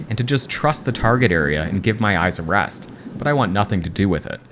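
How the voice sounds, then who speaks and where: A man with a very low voice narrates a storm-chasing story in a scripted, reflective style. Clear vehicle noise runs behind his words.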